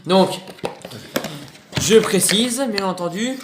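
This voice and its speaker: Casual male vlogger, rambling, joking, slightly high voice, echoey room with faint hiss. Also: slow. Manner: rambling, repeats himself, joking. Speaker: video host showing purchases. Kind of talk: casual unboxing chat.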